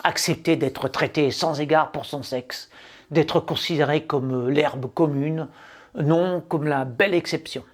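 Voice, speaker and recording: A man's voice: fairly high pitch, fairly even intonation, measured pace. A man playing an arrogant, self-proclaimed macho man who declaims grandly and pompously, with hesitant fillers breaking up his lofty phrases. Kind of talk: mock-solemn satirical declamation.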